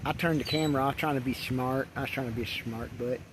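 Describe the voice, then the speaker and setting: A man's voice: medium pitch, fairly even intonation, fast. An older man vlogging outdoors at a campsite on a handheld camera, rambling and profane, stumbling over restarts. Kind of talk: rambling casual vlog. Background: faint wind and birds.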